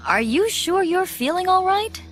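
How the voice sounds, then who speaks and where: Princess Leia, high lively voice. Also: female voice, a little slow, full character voice. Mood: surprised, concerned. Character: concerned, decisive young princess. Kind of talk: audio drama acting. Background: music.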